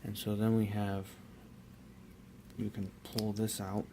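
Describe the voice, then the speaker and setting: A young man talks casually at his desk, rambling and restarting his sentences. His voice sits a little low and barely moves in pitch. A faint hiss runs under it. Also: takes it slowly. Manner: rambling, relaxed, many fillers and restarts. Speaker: miniature painter. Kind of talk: casual hobby tutorial.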